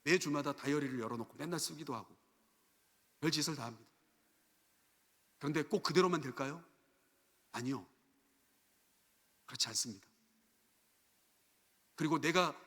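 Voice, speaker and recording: A man's voice: on the high side, expressive, moderate pace, pauses often, a bit bright. A man pastor preaching an earnest sermon full of rhetorical questions at a Wednesday church service. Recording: echoey church sanctuary.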